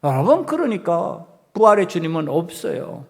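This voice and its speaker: A man's voice: sits high, sing-song, normal speed, creaky. A male pastor preaching a sermon to his congregation, emphatic, putting rhetorical questions to them. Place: church sanctuary. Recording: long reverb of a church hall.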